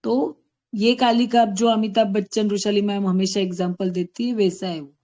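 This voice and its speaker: A woman's voice: medium pitch, fairly even intonation, normal speed, warm tone, muffled recording. A woman from Maharashtra, a homeopathic doctor, presenting a patient case in an online discussion, explaining her reasoning thoughtfully and correcting herself as she goes. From Maharashtra, India.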